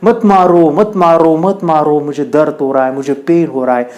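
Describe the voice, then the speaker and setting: A wailing stone that pleads again and again to be spared, voiced by a man telling a story. The cries climb sharply in pitch, then fall away. It sounds hurt and desperate rather than angry. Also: steady tone, normal speed, darkish tone, lightly acted. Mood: pleading, pained. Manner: crying, pleading, repetitive. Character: weeping stone begging not to be struck.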